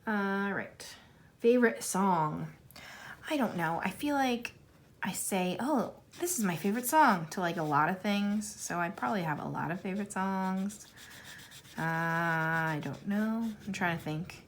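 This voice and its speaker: A woman in her thirties, a YouTuber answering a tag questionnaire, chats casually to camera while coloring, rambling and poking fun at herself with plenty of fillers. Her mid-range voice is animated and measured in pace, with a little hiss or hum in the background.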